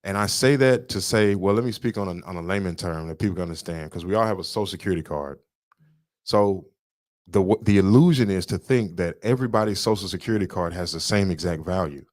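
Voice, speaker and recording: Here a deep-voiced man talks fast, his tone on the dark side, and the studio sound is clean with no room noise. Co-hosting a podcast about politics in a casual way, he lectures forcefully and repeats himself.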